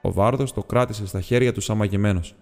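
Guy reading an audiobook, steady and measured, low voice, long echo. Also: creaky. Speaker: audiobook reader. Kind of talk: audiobook narration. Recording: long reverb with faint music.

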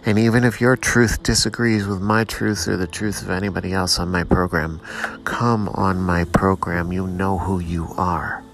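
A man's voice: low voice, steady tone, normal speed, fairly bright tone, soft background music. A man hosting his own show in a rambling, self-mocking, preachy solo monologue. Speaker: podcast host.

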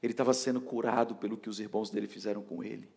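A man preaching an emotional sermon, swinging from shouts down to hushed near-whispers. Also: on the low side, fairly even intonation, very fast, vocal fry, husky. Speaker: pastor.

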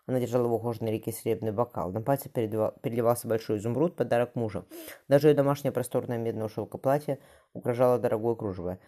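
A man narrates a historical novel at a brisk clip. His tone is dark and mellow, and his delivery steady and even. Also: mid-range voice. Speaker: audiobook narrator.

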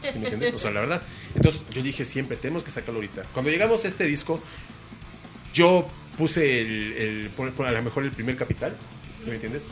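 Fast-talking Mexican man telling stories. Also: mid-range voice, lively intonation, faint music behind. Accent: Mexican Spanish. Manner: fast, rambling storyteller with many restarts. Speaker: guest musician. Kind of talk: casual interview chat.

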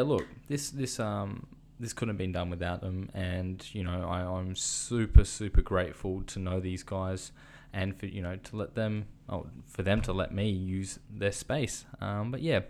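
Podcast host: Australian man, lowish pitch, casual, meandering, stop-start delivery. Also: fairly even intonation, a little mellow, slight background noise. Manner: rambling, halting, informal. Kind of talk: casual podcast introduction and interview.

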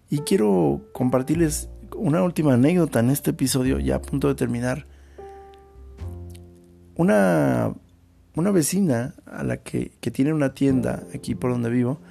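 Mexican guy doing a chill podcast monologue, super gravelly voice, slangy and thoughtful. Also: medium pitch, mellow. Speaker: podcast host. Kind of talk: reflective monologue.

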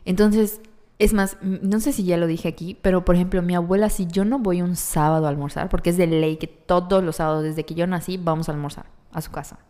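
A woman from Mérida with a Yucatecan accent, co-hosting a casual podcast chat, relaxed and laughing often. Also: on the low side, brisk, big-room sound. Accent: Yucatecan Spanish. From Mérida, Mexico. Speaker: podcast co-host.

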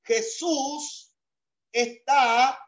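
A male pastor preaching a sermon over a video call, emphatic and swelling into shouts. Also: very high-pitched, fairly even intonation, extremely slow.

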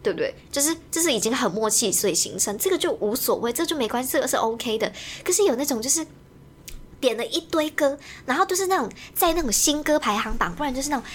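A young woman rants with quick, bouncy speech, her high voice swooping up and down. She laughs often, and a faint hiss sits under the recording. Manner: animated, ranting, laughs often. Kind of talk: casual chat.

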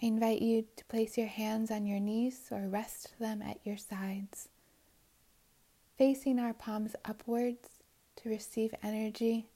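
A woman with a medium-pitched voice leads a guided meditation at an unhurried, soothing pace. Long pauses mark her speech, and her phrases end in a soft, breathy way.

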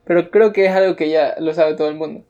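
A man's voice: a little high, fairly even intonation, quick pace, warm tone, muffled recording. A young man co-hosting a casual podcast, reading out news tips and cracking crude jokes between them. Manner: crude, joking, laughs between reads. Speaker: podcast co-host.

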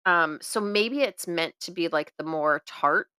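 A woman's voice: fairly low pitch, measured pace, sharp tone, clear, resonant tone, no room sound. A young woman co-hosting a casual podcast, upbeat and blunt, swearing freely. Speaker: podcast co-host. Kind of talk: casual chat.

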